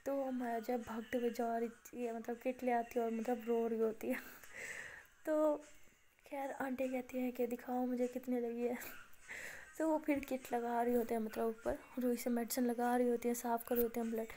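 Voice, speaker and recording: High-voiced Indian woman telling a story. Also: level tone, normal speed, mellow, slight background noise. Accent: Hindi-Urdu speaking, Indian. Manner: breathless, chatty retelling, voicing characters' lines with rising pitch. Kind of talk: casual spoken storytelling with acted dialogue.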